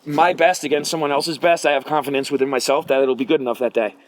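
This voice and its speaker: An American man in his forties with a slightly high voice gives casual interview answers. He talks like a coach, colloquial and emphatic. The recording is clearly noisy, with clicks. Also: steady tone, fast talker. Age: 40s. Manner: colloquial, emphatic, peppered with "you know". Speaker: jiu-jitsu coach and competitor.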